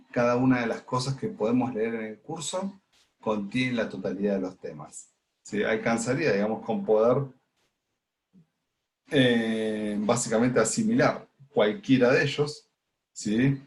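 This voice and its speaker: A man's voice: mid-range voice, darkish tone. A man with an Argentine Spanish accent leading an informal spiritual study lesson, explaining at length and checking in with his listeners constantly. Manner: explains with frequent "¿sí?" check-ins and "digamos" fillers. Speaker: spiritual study group leader.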